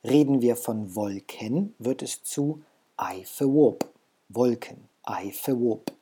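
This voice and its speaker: Guy teaching a language class, soft mellow voice, bit husky, patient and clear. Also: mid-range voice, slow. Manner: patient, instructive, repeats example words. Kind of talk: explaining a language lesson.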